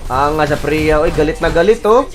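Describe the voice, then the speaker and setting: A man giving excited commentary while playing a mobile battle game, shouting calls to his team and laughing. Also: on the high side, a little fast.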